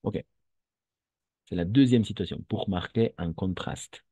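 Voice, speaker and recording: A man's voice: deep voice, unhurried, mellow, husky, dry recording. A man teaching a French lesson to Spanish speakers, patient and repetitive, checking often that students understand.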